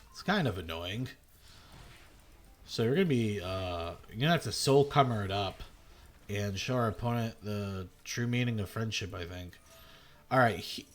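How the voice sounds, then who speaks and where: A man giving loose, self-mocking gameplay commentary as a video host, swearing freely. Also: fairly low pitch. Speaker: gaming content creator.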